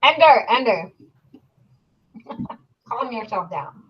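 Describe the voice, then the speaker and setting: A woman player in a tabletop game, talking slowly and soothingly. Her voice is somewhat high and sounds dull and lo-fi over a call. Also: very animated, husky. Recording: muffled lo-fi call audio.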